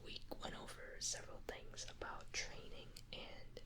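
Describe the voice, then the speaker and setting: Soft ear-to-ear ASMR whisper, unscripted rambling. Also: unhurried. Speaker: ASMR video creator. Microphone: binaural microphone with silicone ears, very close.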